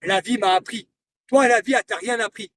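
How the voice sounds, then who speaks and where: A man's voice: sits high, brisk, a bit bright, far from the mic, slight background noise. A man livestreaming a heated, confrontational rant, taunting his target and repeating his points. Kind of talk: heated live-stream rant.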